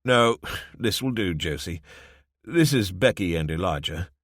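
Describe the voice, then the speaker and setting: A man with a deep voice speaks in an animated, unhurried way, recorded dry with studio quality. He plays a wry, understated middle-aged man with a London accent who reluctantly serves as the town's police chief.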